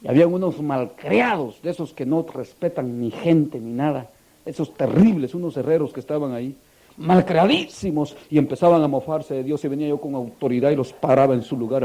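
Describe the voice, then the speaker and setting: Dark-voiced man preaching a sermon. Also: medium pitch. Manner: impassioned, rhetorical questions to the congregation.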